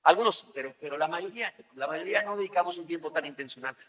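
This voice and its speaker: A man's voice: fairly high pitch, fast, bright, forceful tone. A man preaching a sermon as pastor, talking conversationally and acting out everyday scenes. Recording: long reverb of a large hall.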